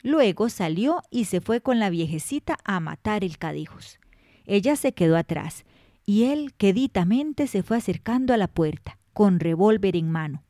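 A woman narrates a folk tale for children, shifting expressively as the story moves. Her voice is mellow and dark. It is recorded close and dry, no room echo. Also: medium pitch, expressive, moderate pace. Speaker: storyteller host. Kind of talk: scripted narration of children's stories.

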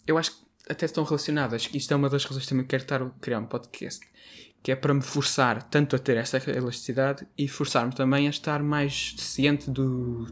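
Fast-talking young Portuguese man, rambling. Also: mid-range voice, steady tone. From northern Portugal. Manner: rambling, self-correcting, laughs often. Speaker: podcast co-host. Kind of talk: casual podcast chat.

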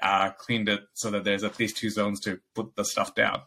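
A man's voice: fairly low pitch, little pitch movement, moderate pace, creaky, sharp tone. A young man from Bangladesh, co-hosting a podcast in casual chat, rambling and laughing often as he acts out quoted dialogue. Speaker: podcast co-host.

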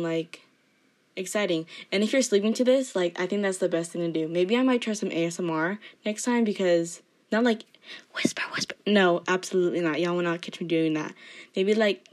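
Rambling teen girl vlogging, flat tone. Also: fairly low pitch, normal speed. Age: teens. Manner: rambling, filler-heavy talk with frequent "like"; self-described monotone delivery. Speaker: student vlogger. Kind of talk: casual vlog chat.

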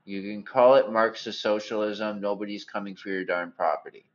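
A man with a gravelly smoker's voice giving a candid, theatrical, rambling personal monologue as a host, in a wordy way. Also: lowish voice, steady tone, moderate pace, dull audio.

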